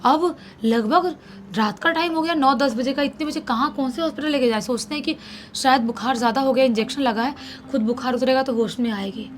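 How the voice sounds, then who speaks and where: A woman's voice: high-pitched, a little fast, slight background noise. Dramatic woman telling a horror story. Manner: dramatic, mixes English words into her telling.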